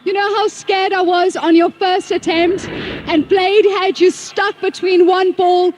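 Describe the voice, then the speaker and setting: A woman with a very high voice interviews contestants on a TV game show. She is exclamatory and teasing but takes her time over words. There is faint noise behind her on what sounds like a VHS tape copy. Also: flat delivery, a little slow. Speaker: TV presenter and arena interviewer. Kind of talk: lively on-site interviewing. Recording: noisy arena on VHS tape dub.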